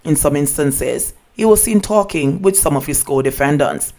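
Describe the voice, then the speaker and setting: Male news narrator, pitch a little above average, formal scripted delivery. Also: animated, moderate pace, a little mellow.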